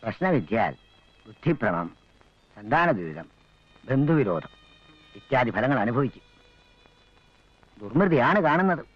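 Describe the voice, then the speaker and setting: A man's voice: medium pitch, big pitch swings, a little slow, long pauses, slightly rough. An actor playing a grave male village astrologer who solemnly intones a horoscope reading in a 1980s film drama. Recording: dull lo-fi film soundtrack with music.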